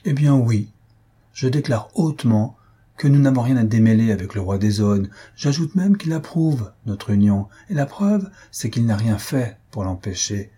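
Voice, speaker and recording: A man voicing Silvius, a jovial young husband who argues playfully, with a very husky, dark voice. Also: medium pitch, expressive, normal speed.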